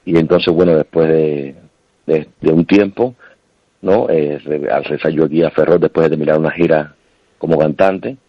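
Very deep-voiced Cuban man on a phone line. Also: moderate pace, no echo. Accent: Cuban Spanish. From Cuba. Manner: relaxed, chatty, many restarts. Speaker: restaurant owner and singer. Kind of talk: phone-in radio interview.

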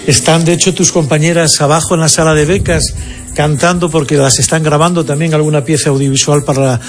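A man's voice: a little high, steady tone, a little fast, soft background music. A man from Spain interviewing a guest, friendly and joking as he asks his questions.

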